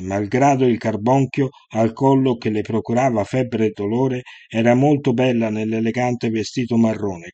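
A man's voice: medium pitch, dark tone, no room sound, dull audio. Man narrating a story, dry sound. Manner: measured storytelling. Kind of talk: scripted audiobook narration.

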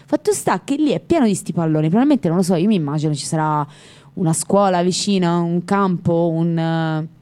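A woman co-hosts a music radio show in loose, easygoing chat. Her voice sits low, with a dark, mellow tone. She wanders from one tangent to the next and laughs easily. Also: brisk. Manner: chatty, digressive, laughs easily. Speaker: radio co-host.

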